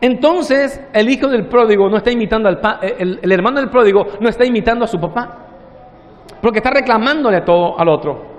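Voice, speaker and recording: A man preaching a sermon as pastor, slowing down on key words and acting out the characters' lines in a story. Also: sits high, in a large hall. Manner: preaching with long slow pauses, acting out the parable's dialogue.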